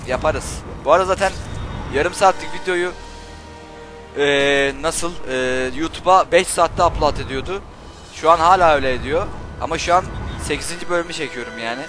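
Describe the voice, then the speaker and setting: A young man hosting a gaming channel, casually commenting on play, joking and swearing excitedly at the game. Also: on the high side.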